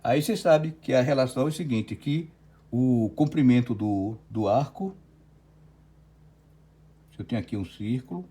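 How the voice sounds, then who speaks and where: Animated and warm, his mid-range voice moves at normal speed with long pauses as this Brazilian Portuguese-accented man teaches physics online. He solves a problem one step after another and asks "certo?" often.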